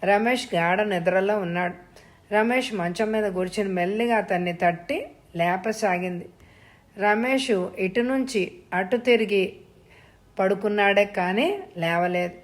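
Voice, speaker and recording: A woman storyteller giving a measured, expressive scripted narration of a suspense audio story. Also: medium pitch.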